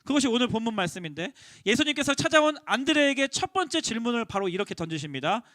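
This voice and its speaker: A man gives a youth sermon in a very high, bright voice that rises and falls with lively energy. He slips into the quoted lines and acts them out as he goes. The sound is dry and close to the mic. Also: fast, no room sound. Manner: animated, acts out the biblical quotes. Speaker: youth pastor. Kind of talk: sermon to middle schoolers.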